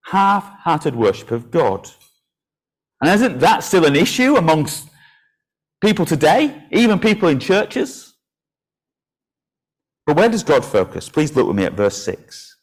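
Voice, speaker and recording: Male preacher, lively sermon voice, pitch rising and falling a lot, asks kids questions. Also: measured pace, long pauses. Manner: animated, asks questions to children in the congregation.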